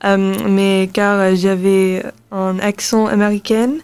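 English teen girl, radio guest, halting French, monotone delivery. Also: mid-range voice, clear, resonant tone. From England. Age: teens. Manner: hesitant, halting French with many fillers. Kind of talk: radio interview.

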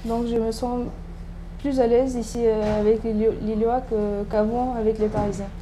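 A woman from Turkey in her thirties, a doctoral student and native Turkish speaker, is interviewed and replies casually, hesitating, restarting and using many fillers. She talks at normal speed in a fairly high voice with flat delivery, over background noise.

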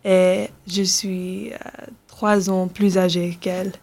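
A teenage girl with an English accent, a learner of French who stops often to search for words. Her voice stays flat, with little rise and fall, and she answers questions as a radio interview guest. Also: lowish voice, gravelly. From England. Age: teens. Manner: hesitant, halting French with many fillers.

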